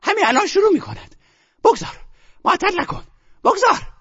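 A man voicing a frantic, excitable old grandmother who speaks in a rustic way and barks orders while she gambles at roulette. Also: big-room sound, exaggerated voice. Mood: excited, bossy. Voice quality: shrill, rustic speech. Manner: urgent, bossy, excitable. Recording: dull, muffled studio recording.

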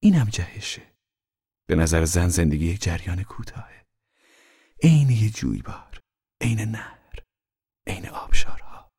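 A man voicing a calm, wise mother who speaks softly and reassuringly, almost in a whisper, in an audiobook. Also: sits low, pauses often, husky, no echo, clean studio sound, heavily acted. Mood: gentle, reassuring. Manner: soft, soothing, half-whispered. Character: calm, wise, steady mother of a poor family. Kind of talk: audiobook character reading.

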